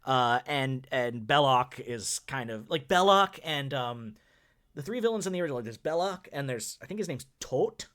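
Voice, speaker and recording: A man's voice: medium pitch, animated, normal speed, a bit bright. A man co-hosting a podcast, talking casually and at length about films, often laughing as he talks. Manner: chatty, rambling, laughs while talking. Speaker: podcast co-host. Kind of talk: casual film-review chat.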